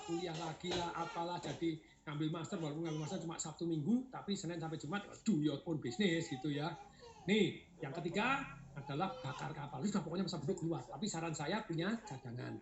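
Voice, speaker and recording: A middle-aged man leads a motivational seminar with a high, energetic voice, laughing and urging the crowd to shout. His voice rings around a roomy space, and the recording sounds dull and lo-fi. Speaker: seminar speaker.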